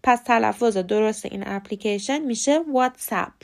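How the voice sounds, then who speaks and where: A woman with a Persian accent leads a short pronunciation lesson, and her fairly high voice carries a gravelly fry. She spells words out letter by letter and repeats the correct forms slowly. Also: lively intonation. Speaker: podcast host and English pronunciation teacher. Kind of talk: scripted language lesson.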